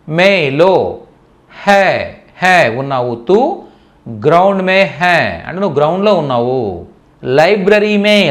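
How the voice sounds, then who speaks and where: A man giving a spoken language lesson in a fairly high, very lively voice that climbs and dips a lot. He explains patiently, says each word more than once and keeps checking that his listeners follow. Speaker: Hindi teacher.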